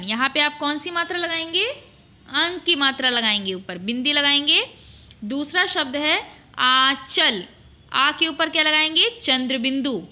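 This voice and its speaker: Slow, bright-voiced woman teacher. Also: high voice. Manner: drawn-out, syllable by syllable word drills with questions to pupils. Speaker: primary school Hindi teacher. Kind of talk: slow, deliberate lesson for young children.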